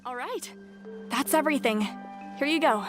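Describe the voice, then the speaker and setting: Chirpy rope-selling shopkeeper. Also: female voice, high voice, unhurried, music in the background. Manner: lively, easily surprised shopkeeper. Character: cheerful young woman selling climbing rope. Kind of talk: video game voice acting.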